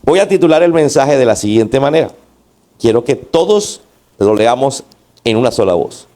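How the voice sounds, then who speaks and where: A man's voice: mid-range voice, lively intonation, moderate pace, mellow. A man preaching a sermon in church, asking the congregation to repeat after him and posing rhetorical questions. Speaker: pastor.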